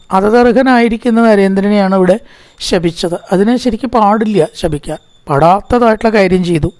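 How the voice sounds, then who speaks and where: A man with a Malayali accent teaching a scripture class, chanting verses slowly and then explaining them quickly in plain speech. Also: high-pitched, a little mellow, no echo.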